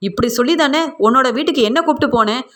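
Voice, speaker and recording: A stern older woman scolds her grown son in slow, cutting words, as a woman narrator puts her on. The voice sits high. It is part of a spoken retelling of a TV serial. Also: fairly bright tone. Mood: scolding.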